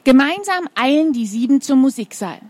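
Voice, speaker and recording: A woman's voice: sits high, lively intonation, normal speed, darkish tone, no echo. A woman reading a children's story aloud, adding informal asides to her young listeners.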